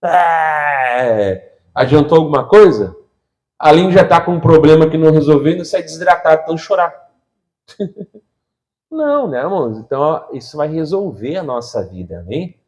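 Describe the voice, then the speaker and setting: Male pastor, fairly high pitch, preaching with humor, acting out little scenes, firing rhetorical questions at the congregation. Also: animated, moderate pace, a little mellow. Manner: asks the crowd rhetorical questions. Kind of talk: lively sermon.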